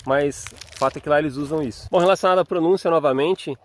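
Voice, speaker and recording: A young Brazilian man talks quickly in a casual vlog, his Brazilian Portuguese accent clear. His voice sits a little high, and he walks through each point step by step, often checking in with a quick tag question. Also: a little hiss or hum. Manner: chatty, explains step by step with frequent tag questions. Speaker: vlogger.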